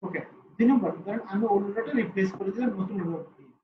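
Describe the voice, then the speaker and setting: Male teacher, brisk question-and-answer style, roomy online-call sound. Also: high voice, slight background noise. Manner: quizzes students, answers own questions. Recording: roomy, slightly dull call audio with faint ambience.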